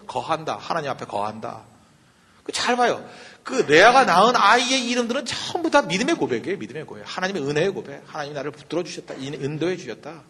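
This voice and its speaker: A man who is a pastor, giving a humorous sermon-style lecture, animated and joking, full of rhetorical questions. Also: high-pitched, husky, big-room sound.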